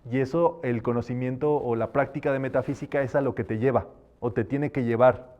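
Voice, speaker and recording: A man's voice: medium pitch, steady tone, a little fast, dull audio. A man teaching a live metaphysics class, explaining patiently and sometimes demonstrating by chanting affirmations.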